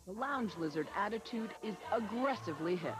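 A woman's voice: mid-range voice, animated, brisk. A woman TV reporter narrating a scripted news feature. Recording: loud music under voice.

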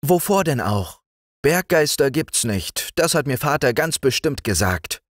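A man's voice: mid-range voice, a little slow, no room sound, clean studio sound, pitched above the performer's own voice. A man voicing a brave, cheerful little village girl in a storybook reading. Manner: bright, lively, eager child voice.

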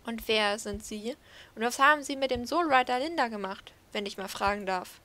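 Girl reading out a dreamy lost horse spirit, kinda solemn, voice a bit high, game dialogue. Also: moderate pace, pushed and bright.

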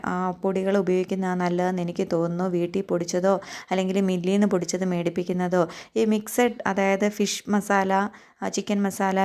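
Young keralite woman doing a casual cooking voice-over, mid-pitched, chatty, keeps checking in with viewers. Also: a little mellow. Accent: Keralite Malayalam. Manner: chatty, tags many sentences with a friendly aside, asks viewers to share. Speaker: cooking vlogger. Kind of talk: conversational voice-over narration. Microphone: voice-over recorded separately.

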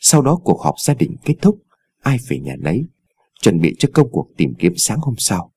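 A man narrating a ghost story in a dramatic, expressive reading on a close mic. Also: on the low side, moderate pace, creaky, breathy edge, dry recording.

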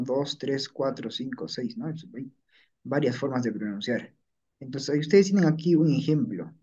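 Male teacher, husky voice, dull lo-fi sound, patient explaining. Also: mid-range voice, dark tone. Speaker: language teacher. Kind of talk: classroom lesson. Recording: dull lo-fi recording.

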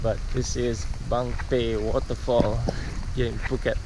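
A man's voice: medium pitch, little pitch movement, unhurried. A young man talking to a handheld action camera as he hikes a rainy jungle trail, thinking aloud as he walks. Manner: chatty, thinking aloud while walking. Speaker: travel vlogger. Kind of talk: casual hiking vlog narration. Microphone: action camera held at arm's length. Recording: outdoor camera audio with clear rain and stream noise.

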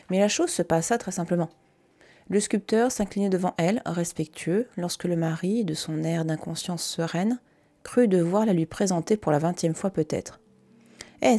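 A woman's voice: fairly low pitch, mellow. A woman host reading a classic novel aloud on a live stream, with casual, chatty asides between passages.

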